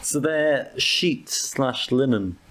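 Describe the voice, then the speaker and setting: A man's voice: medium pitch, takes it slowly, noisy background. A man, co-hosting a travel podcast and quizzing his friend on slang with dry, teasing humor. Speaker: podcast co-host. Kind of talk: casual chat, quizzing on slang.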